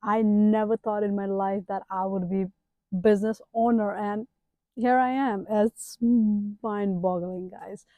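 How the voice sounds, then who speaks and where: In her self-introduction vlog, a Nepali-accented woman in her thirties from Kathmandu, who runs a page and works as a digital entrepreneur, chats to viewers directly with emphatic asides. Her mid-range voice is fairly even and unhurried, with no echo and phone-quality sound.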